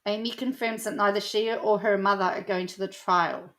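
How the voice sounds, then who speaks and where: A woman's voice: mid-range voice, steady tone, moderate pace, a bit bright. An Australian woman vlogger giving casual commentary, thinking aloud with fillers as she goes through posts.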